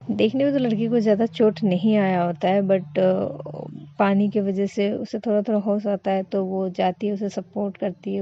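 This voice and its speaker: A woman's voice: mid-range voice, vocal fry, dull audio. A woman telling a love story in a casual spoken way, chatty, describing actions as if gesturing them.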